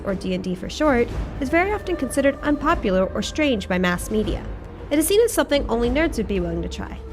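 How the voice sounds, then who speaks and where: A young woman reading scripted documentary narration in an earnest, measured way, and asking interview questions. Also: on the high side. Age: young adult. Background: background music.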